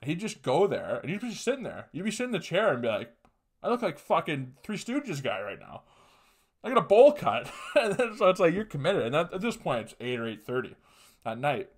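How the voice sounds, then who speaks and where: A man's voice: fairly high pitch, fairly quick. A young man from Canada hosting a podcast, telling rambling, profane comic stories in a casual way, recorded at home on a webcam. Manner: rambling, profane, animated storytelling. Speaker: podcast host. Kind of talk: casual comedic storytelling. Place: small room at home, indoors.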